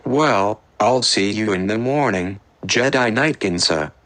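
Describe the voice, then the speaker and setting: A man's voice: lowish voice, animated, measured pace. A man voicing a friendly male Jedi master who speaks with a smile and a hint of sarcasm in a fan-made audiobook. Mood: amused teasing. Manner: warm, lightly sarcastic.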